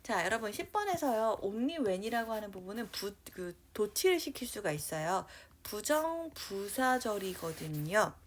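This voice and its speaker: A woman teaching a high school English grammar lesson. She talks lively, keeps checking in with her students, and reads English sentences out slowly as she writes them. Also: a little hiss or hum. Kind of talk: online grammar lecture.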